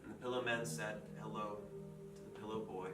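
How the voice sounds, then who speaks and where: A man plays a storyteller who spins a bleak fairy tale in a slow, deliberate voice. He is heard from far off on a roomy, echoing stage, with guitar music playing clearly behind him. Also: fairly low pitch, steady tone, lightly acted. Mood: somber storytelling. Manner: measured, dark, deliberate storytelling. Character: grim storyteller telling a dark fairy tale. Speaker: actor playing Katurian.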